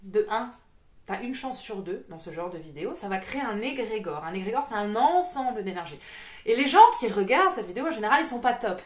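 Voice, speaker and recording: A woman's voice: medium pitch, expressive, fairly quick, echoey room, a little hiss or hum. Blunt, foul-mouthed woman medium ranting. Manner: blunt, crude, swearing, exasperated. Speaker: spiritual medium and YouTuber. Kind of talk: casual vlog rant.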